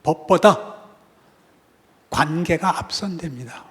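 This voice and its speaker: A male pastor preaching a sermon, swinging from loud exhortation down to hushed, whispered asides. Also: fairly high pitch, slow pace, in a large hall. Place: church sanctuary.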